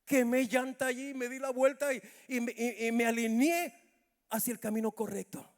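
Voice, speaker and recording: A middle-aged pastor preaches in a very high voice. He calls out to the brothers as he goes. His words ring through a church hall with a long echo. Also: fairly even intonation, normal speed. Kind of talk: sermon at a Bible study.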